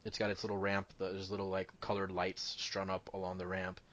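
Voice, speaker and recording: A man's voice: low voice, completely flat delivery, a little fast, a bit bright, lo-fi sound. A young man running a tabletop game as dungeon master, describing scenes in a loose, rambling way with many ums and restarts.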